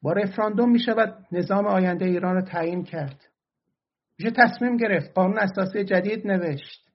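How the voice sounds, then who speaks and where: A man's voice: sits high, breathy edge, dull audio. A man giving argumentative political commentary and answering audience questions, often turning heated and emphatic.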